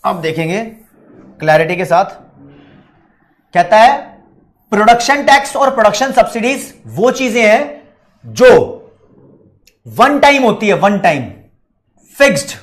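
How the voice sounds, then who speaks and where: A man's voice: sits high, sing-song, a little slow, long pauses, a bit bright. A man with an Indian accent teaching an online exam-prep lecture, chatty and repetitive, talking straight to his students. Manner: chatty, repetitive, mixes English terms into Hindi; addresses students directly, reads their questions.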